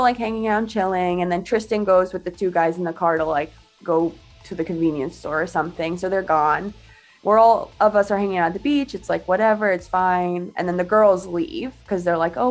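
A young woman casually telling a long story, full of "like" fillers and casual swearing. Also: lowish voice.

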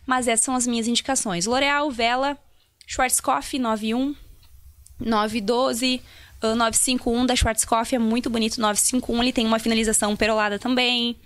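A woman's voice: on the high side, little pitch movement, moderate pace, fairly bright tone, no room sound. A woman, a salon colorist explaining toner choices to viewers in a live Q&A. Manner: explanatory, tutorial-like, addresses viewers.

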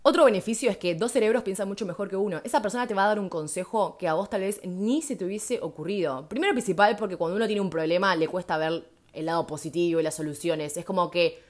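A woman's voice: on the low side, quick pace, hardly any pauses. A woman with a Rioplatense Spanish accent hosting a solo podcast, speaking earnestly and conversationally and putting rhetorical questions to her listeners. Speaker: podcast host. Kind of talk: reflective solo podcast talk.

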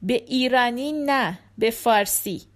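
A woman reading the lines of a gentle, tired father who answers his daughter in short, hesitant replies in an audiobook. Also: fairly high pitch, natural voice. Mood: subdued. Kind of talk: audiobook character voice.

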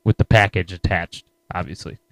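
Low-voiced rambling man telling a story. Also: steady tone, normal speed, fairly bright tone, no echo, poor audio. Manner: rambling, many fillers, laughs at his own stories. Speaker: podcast co-host. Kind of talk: casual storytelling chat.

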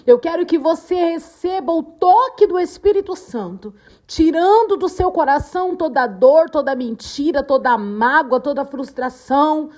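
A woman hosting a devotional podcast, preaching in a slow, fervent way with emphatic repetition. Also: high voice, lively intonation, a little mellow. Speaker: podcast host, devotional speaker. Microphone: podcast microphone.

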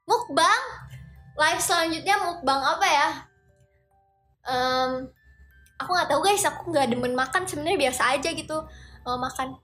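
High, bright-voiced young woman livestreaming. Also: normal speed, pauses often, echoey room, faint music behind. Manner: chatty, greets viewers in a sing-song way. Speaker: livestream host. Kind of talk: casual livestream chat.

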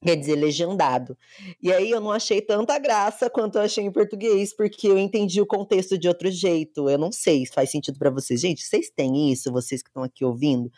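Participante brasileira, voz média e seca, fala descontraída dirigida aos ouvintes. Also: female voice, lowish voice, fairly quick, dark tone, dry recording, studio quality. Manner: chatty, talks to the listeners directly. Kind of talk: casual chat in an online audio room.

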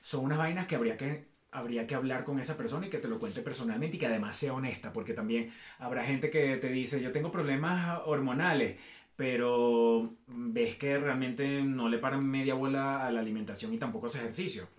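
A man co-hosting a podcast in a relaxed, slangy way. His pitch is mid-range, and the room has an echo. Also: brisk. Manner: relaxed, slangy, mimics voices. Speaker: podcast co-host. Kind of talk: casual chat. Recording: echoey room.

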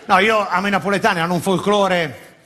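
A man performing a stand-up comedy routine in a theatre, animated and breaking into shouted impressions of regional characters. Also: high voice, a little fast, background noise. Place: large theatre stage before a laughing audience. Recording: live theatre recording, long hall reverb, audible ambience. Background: audience laughter.

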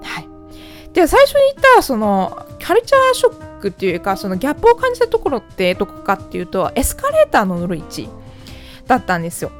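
A woman's voice: fairly high pitch, wildly swooping pitch, quick pace, faint music behind. A woman from the Kanto region, chatting politely as the host of her own solo podcast, with many fillers.

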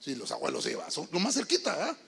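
Pastor guy, high gravelly voice all over the place, long church echo. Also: huge pitch swings, rapid-fire, a bit bright. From Honduras. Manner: emphatic preacher, keeps addressing listeners as brother, quizzes the congregation. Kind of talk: youth sermon. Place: church sanctuary. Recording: long reverb of a church hall.

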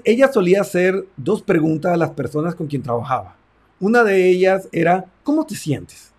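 A man's voice: high-pitched, a little mellow, husky. A man who works as a therapist, giving a reflective talk on self-esteem and acting out conversations with his clients. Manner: reflective, acts out client dialogues.

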